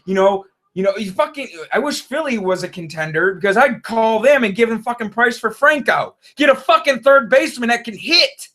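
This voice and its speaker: A man with a fairly high voice rants to camera as a frustrated sports fan. He swears constantly and circles back to the same points again and again. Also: animated, normal speed, hardly any pauses, bright, forceful tone. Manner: frustrated, heavy swearing, repeats himself. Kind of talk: profane fan rant to camera.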